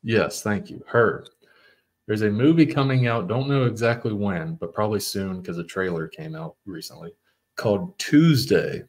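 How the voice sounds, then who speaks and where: A man's voice: on the low side, normal speed. A man co-hosting a podcast, chatting casually and meandering as he searches for words. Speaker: podcast co-host. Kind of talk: casual chat.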